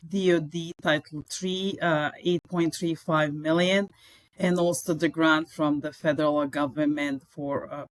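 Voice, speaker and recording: A middle-aged Serbian woman, a mining executive, is a guest in a podcast interview, speaking English as a second language with a Serbian accent and non-native phrasing. Her voice is low, and she sounds earnest and enthusiastic in a dry, rough recording.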